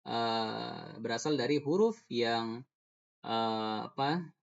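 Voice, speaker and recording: Slow-talking guy teaching a recitation class over a video call, dull lo-fi sound. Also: medium pitch, gravelly, smooth. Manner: explains patiently, often demonstrates sounds by repeating them. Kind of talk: online recitation lesson.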